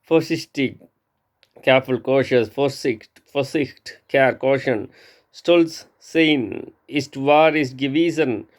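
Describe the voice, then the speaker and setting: Guy reading vocab out of his textbook, slow and careful, keeps restarting words. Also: medium pitch. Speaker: language learner.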